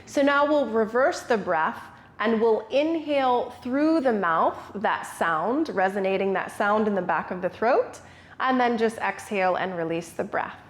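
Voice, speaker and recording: A woman's voice: mid-range voice, animated, measured pace. A woman yoga instructor leading a guided breathing tutorial, giving short step-by-step cues.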